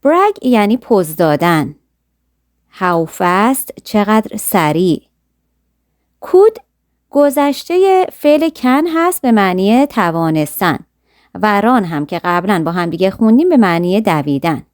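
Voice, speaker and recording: A woman teaching a short story, reading each sentence slowly and clearly and then explaining the words quickly and casually. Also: mid-range voice, sing-song, dry recording, studio quality. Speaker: English teacher.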